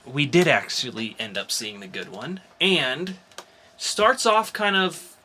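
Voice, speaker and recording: This podcast host's voice sits a little high and sounds pushed and bright, expressive yet slow. He chats casually about comics and movie news, opinionated, informal and mildly profane.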